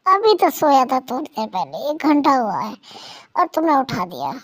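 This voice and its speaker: A woman's voice: sits high, big pitch swings, normal speed, a bit bright, pitched below the performer's own voice, full character voice. A woman voicing a sleepy young husband soothing his angry partner, in an amateur fan dub. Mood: groggy. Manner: lazy, soothing, teasing.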